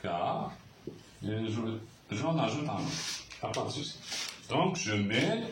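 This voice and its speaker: A man's voice: on the low side, big pitch swings, slow. A man teaching letters to French speakers in a patient, hesitant way. He repeats words as he writes them on a board. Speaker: Arabic teacher. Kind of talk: slow handwriting lesson. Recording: roomy, far from the mic, faint hiss.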